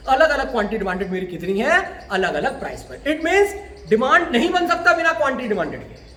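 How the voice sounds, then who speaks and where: High-voiced man teaching with lively questions. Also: echoey room, a little hiss or hum. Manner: explains step by step, asks then answers own questions, mixes English terms. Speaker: economics teacher. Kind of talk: classroom lecture.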